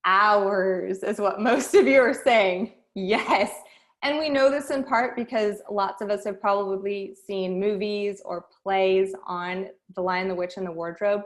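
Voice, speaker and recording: A woman's voice: medium pitch, unhurried. A woman, a speech and debate coach teaching an online workshop and guiding students through a string of questions.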